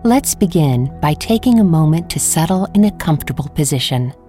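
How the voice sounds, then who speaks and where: A woman guiding a relaxation meditation with slow, calm, soothing instructions. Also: low-pitched, soft background music. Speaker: meditation guide. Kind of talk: scripted guided meditation.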